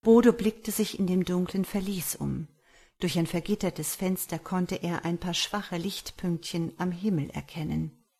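Woman storyteller, low husky voice, measured dramatic reading. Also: warm tone. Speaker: narrator. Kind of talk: storytelling audiobook narration.

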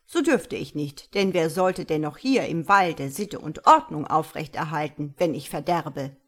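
A woman's voice: sits low, expressive, unhurried, fairly bright tone, voice pushed down, exaggerated voice. A woman voicing a pompous, preachy male bullfinch who lectures in a solemn tone. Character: pompous self-important male bullfinch, forest elder.

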